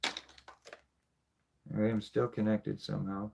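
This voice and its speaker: A man's voice: on the low side, level tone, unhurried, vocal fry, noisy background. A middle-aged man, casually explaining his fishing gear and rambling on, often tagging lines with "right?". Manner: chatty, rambling, keeps asking "right?". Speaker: fishing channel host. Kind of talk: casual show-and-tell explanation.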